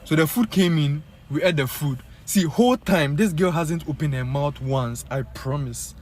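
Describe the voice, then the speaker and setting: A young Ghanaian man with a Ghanaian accent, telling a story to his viewers in an animated, casual way full of fillers. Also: a little high, moderate pace. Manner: animated, many fillers, addresses viewers as guys. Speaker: vlogger.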